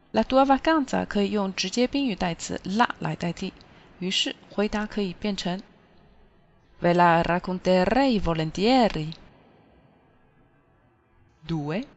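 Woman teaching Italian, dull lo-fi audio. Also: mid-range voice. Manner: clear, explaining step by step. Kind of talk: recorded language lesson.

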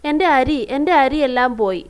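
A woman's voice: sits high, animated, brisk, clean tone. A woman voicing a small, frightened girl in a story reading, pleading tearfully. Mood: upset. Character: small frightened poor girl who spilled rice.

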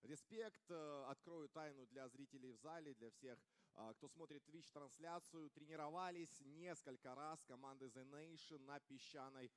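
A young male esports commentator calls a live match over a headset. His voice sits a little high, and it rings with the long reverb of a big event hall. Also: normal speed. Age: young adult. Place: caster desk on stage in large indoor arena.

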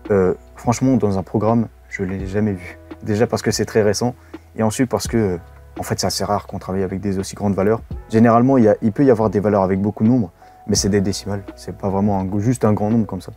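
A man talks through a coding tutorial in a relaxed, rambling way, often pausing on fillers and correcting himself. His voice sits low and mellow. Soft music plays faintly underneath. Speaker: web development instructor. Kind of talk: casual screen-recorded coding tutorial.

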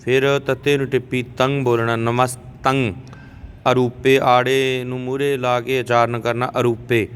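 A man teaching how to pronounce scripture, reciting verses slowly and then explaining each word more quickly. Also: medium pitch, little pitch movement, smooth, long reverb tail. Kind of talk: slow line-by-line pronunciation lesson.

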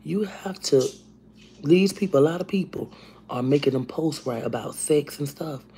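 Chatting casually on a phone livestream from her kitchen, a deep-voiced woman reads viewer comments and calls people by name. She's blunt, animated and profane, speaking at a moderate pace, with the phone camera at arm's length and slight background noise.

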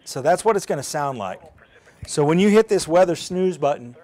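A middle-aged TV weatherman gives an informal live how-to, thinking aloud as he handles a device in a TV studio. His voice is on the high side yet dark in tone, expressive and at a normal speed, picked up by a lapel mic.

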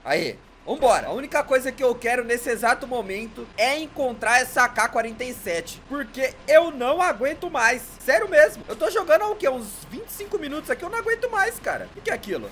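A young man with a Brazilian accent giving casual gameplay commentary, exasperated and loud, full of slangy filler words. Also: extremely high pitch, sing-song, brisk, hardly any pauses, a little hiss or hum. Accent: Brazilian Portuguese. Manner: exasperated, complaining about bugs. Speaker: gamer.

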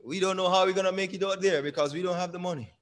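A man's voice: sits high, steady tone. A young man preaching a sermon from a church pulpit, drawing out key words and quizzing the congregation. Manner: call-and-response preaching, drawn-out emphatic lines, asks the congregation. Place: small church sanctuary at a pulpit. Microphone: pulpit microphone on a stand.

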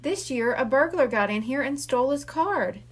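A woman's voice: high voice, animated, moderate pace, slightly rough, voice pushed up. A woman reading aloud as a friendly, worried older boy who is minding his younger siblings.

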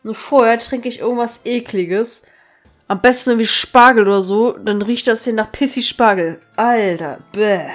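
A woman with a slightly high voice gives casual gameplay commentary, crude and joking. Faint music plays underneath. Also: normal speed. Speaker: let's play gamer.

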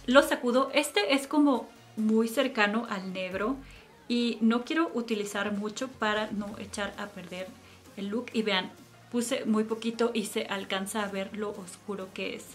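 A woman's voice: mid-range voice, unhurried, faint music behind. A woman giving a chatty makeup tutorial and product review, fond of cute diminutives. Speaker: beauty vlogger.

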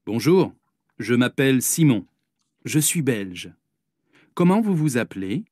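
A man's voice: mid-range voice, no echo, studio quality. A man playing a polite adult speaker in a scripted language-course dialogue. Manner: slow, even, clearly spoken.

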